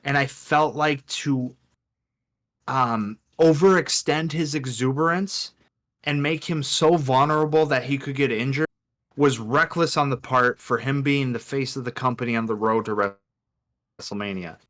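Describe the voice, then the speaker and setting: A man's voice: medium pitch, a little slow, a bit bright. A man co-hosting a wrestling podcast, chatting casually and slipping into mock voices for quotes. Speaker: podcast co-host.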